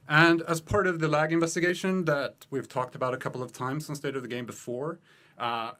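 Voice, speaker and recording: Hurried man rushing through announcements. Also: medium pitch, a bit bright. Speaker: game news presenter. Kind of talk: rapid news update.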